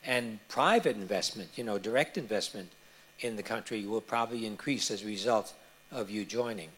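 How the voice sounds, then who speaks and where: A man answering audience questions at a conference, explaining points in a measured way with frequent hesitations. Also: fairly low pitch, a bit bright.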